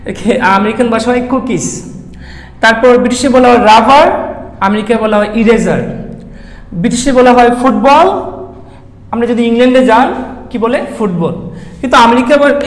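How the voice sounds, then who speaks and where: A male lecturer, giving a classroom English lesson. He keeps asking the class questions and answering them himself, and he spells words out slowly. His voice rings through a roomy hall with a long reverb. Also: extremely high pitch. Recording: echoey room with long reverb.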